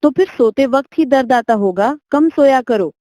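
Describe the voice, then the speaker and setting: A cheerful, self-assured cartoon donkey doctor, voiced by a woman, handing out silly cures with total confidence. The voice sits a little higher than her usual and sounds dry and close. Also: lively intonation, moderate pace, dark tone, dry recording. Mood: confident. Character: bossy, silly male donkey doctor giving odd advice.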